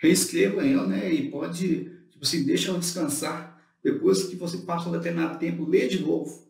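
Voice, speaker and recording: A man co-host gives study advice in a chatty way, his slightly high voice carrying a gravelly edge. He sits back from the microphone in a room that echoes. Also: fairly even intonation, brisk, darkish tone, distant mic. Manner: advising, chatty, with fillers "né" and "tipo assim". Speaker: co-host giving study tips. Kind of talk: casual instructional talk.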